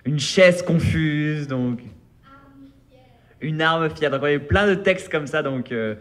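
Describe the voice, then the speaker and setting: Guy hosting a writing workshop, kinda hesitant, lots of ums, slightly high voice. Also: slow. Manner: hesitant, many fillers, relaxed. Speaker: workshop leader and host. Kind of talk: casual explaining to an audience.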